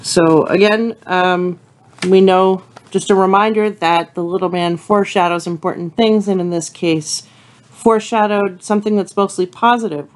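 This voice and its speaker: A woman with a lowish voice reads passages from a novel aloud and summarizes the chapters like a teacher. She goes at an unhurried pace, with frequent ums between passages.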